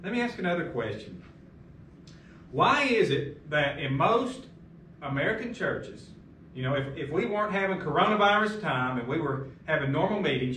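Man, middle-aged, pastor, emphatic sermon, high voice, distant mic. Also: fairly bright tone, a little hiss or hum. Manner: emphatic preaching with rhetorical questions. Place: large carpeted church room with piano, indoors. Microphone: far room camera. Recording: echoey room from far off.

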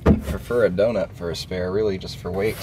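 Low, steady and a little quick, this man's voice belongs to a car vlogger from the southern United States who rambles casually and thinks aloud while working on his car, offhand and a bit profane. He's outdoors at an open trunk, caught on a handheld phone or camera mic in a noisy recording full of clicks and clunks.

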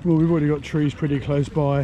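Man, fairly high voice, casual matter-of-fact ride-along narration, action camera outdoors, clear outdoor noise. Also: little pitch movement, fast talker, dark tone. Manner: matter-of-fact, hesitant with fillers. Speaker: cycle route assessor. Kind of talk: casual narration while cycling. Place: outdoors on roads and paths.

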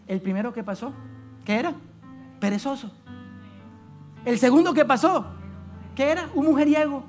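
A man's voice: sits high, a bit bright. A man preaching a sermon as minister, telling stories with acted-out voices and asking the congregation questions.

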